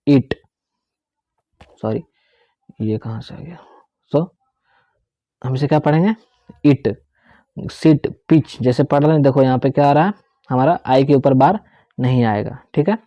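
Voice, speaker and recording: A man's voice: mid-range voice, dark tone, no echo, highs cut off. A young man teaching English pronunciation in Hindi with some English, explaining step by step and often checking in with his students. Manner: explains step by step, repeats key words, checks in with "theek hai".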